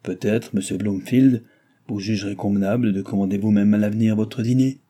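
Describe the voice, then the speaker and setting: A man's voice: on the low side, steady tone, a little fast, mellow, natural voice. A man voicing the lady of the house, who answers her husband politely and a little defensively. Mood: cool. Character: mild, placating lady of the house.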